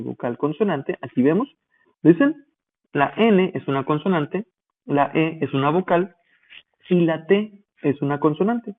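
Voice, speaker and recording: Man teaching grammar over tinny audio. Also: fairly high pitch. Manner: slow, spelled-out explanations with checking questions. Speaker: English teacher. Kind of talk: grammar lesson explanation.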